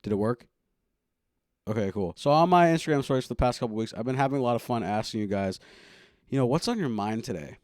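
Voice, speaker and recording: Fast-talking and expressive, a young podcast host with a medium, slightly mellow voice chats casually on his solo show at home. He rambles playfully and mocks himself, and there's no echo.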